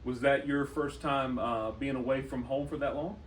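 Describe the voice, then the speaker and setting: A man interviewing someone, asking gentle, conversational questions. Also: medium pitch, steady tone, moderate pace. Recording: roomy echo, distant mic, faint noise.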